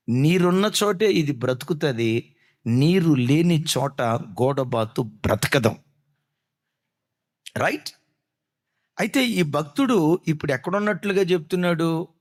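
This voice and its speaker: A man's voice: expressive, measured pace, long pauses. A man preaching a sermon as pastor, dramatic in delivery, asking the congregation rhetorical questions and acting out prayers. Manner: dramatic preaching, voicing prayers with sudden drops and rises in pitch.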